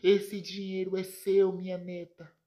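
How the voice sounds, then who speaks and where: A woman's voice: lowish voice, flat delivery, a little slow, dark tone, lightly acted. A Brazilian woman voicing a dying grandmother in her old age, tender and gasping for breath. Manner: weak, gasping breaths between words.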